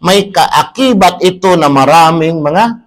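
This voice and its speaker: High-voiced man preaching a sermon. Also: animated. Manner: recites Arabic verses slowly in a chanting tone; storytelling, then explains and repeats points. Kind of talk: religious sermon.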